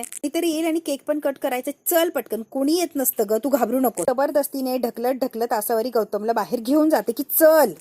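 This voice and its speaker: A woman's voice: high voice, dark tone, no echo. A woman casually retelling a TV serial episode, briefly voicing each character's lines as she goes. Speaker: narrator recapping a TV serial. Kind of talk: casual storytelling recap.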